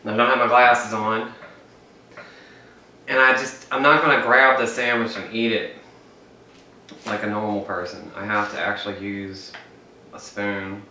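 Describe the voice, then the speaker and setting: Man, eating vlogger, rambles as he chews, bright forceful tone, off-mic in a roomy, faintly hissy space. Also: lowish voice, little pitch movement, unhurried, pauses often. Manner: rambling, chatty, talks while chewing. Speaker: mukbang vlogger. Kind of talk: casual eating vlog. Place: indoors, filming alone. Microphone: camera mic set up by himself. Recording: echoey room, mic at a distance, faint noise.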